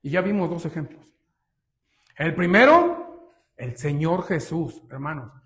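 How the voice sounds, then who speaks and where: A high-voiced man preaches from the pulpit with great emphasis. He swells into louder stretches to drive points home and often asks his congregation rhetorical questions. He keeps turning to them as his brothers and sisters. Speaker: pastor. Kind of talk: sermon.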